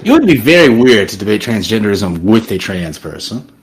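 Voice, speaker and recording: A man's voice: on the low side, very animated, fairly quick, poor audio. A man in his twenties chatting casually, with wry, offhand comments. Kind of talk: casual group chat.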